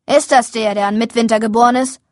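A woman's voice: a little high, steady tone, fast talker, no room sound, studio quality, natural voice. A woman reading the lines of a cold, menacing male rider who interrogates people in an audiobook.

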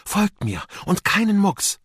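A man voicing a clever, brave young girl who talks urgently and in a hushed way, in a storybook reading. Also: sits high, sing-song, a little slow, slightly rough, no echo, studio quality, pitched above the performer's own voice, full character voice.

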